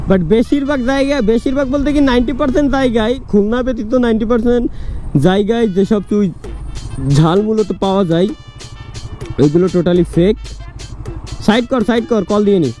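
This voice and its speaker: A man's voice: extremely high pitch, quick pace, dark tone, soft background music. A young man vlogging casually to camera while he has a cold and fever, talking with people at a fuel pump and by the road. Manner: chatty, talks to camera and to people around him. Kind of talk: casual travel vlog. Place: roadside outdoors, in a car and at a fuel pump.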